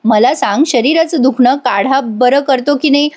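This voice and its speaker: A woman voicing a caring older sister who gently coaxes her younger sibling, in a retold TV serial. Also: high-pitched, moderate pace. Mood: coaxing. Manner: pleading, coaxing.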